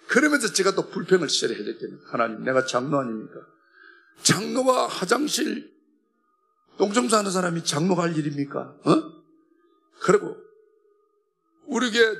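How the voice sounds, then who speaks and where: Church elder, male, Gyeongsang accent, husky and somewhat high-pitched, impassioned testimony. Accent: Gyeongsang Korean. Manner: impassioned, swinging from loud to hushed. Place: church worship hall.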